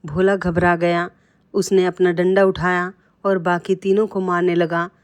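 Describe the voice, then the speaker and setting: A woman with a low-set voice narrates a moral folk tale. Her delivery is scripted and steady, in the manner of a storyteller. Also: a little slow.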